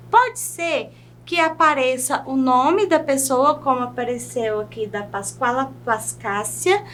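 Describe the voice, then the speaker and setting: Slow, high-voiced Brazilian teacher woman. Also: fairly bright tone. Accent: Brazilian Portuguese. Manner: slow, drawn-out pronunciation of example words; checks in with "né?" and "certo?". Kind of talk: video lesson on grammar.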